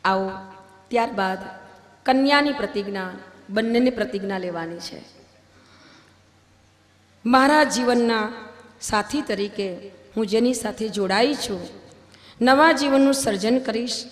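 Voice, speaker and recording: A woman's voice: on the high side, measured pace, pauses often. A woman officiating a wedding at a religious gathering, reciting vows and preaching with emphatic, swelling delivery. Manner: emphatic, swelling louder on key points. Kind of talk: ceremonial vow recitation and preaching. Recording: long hall reverb, faint music.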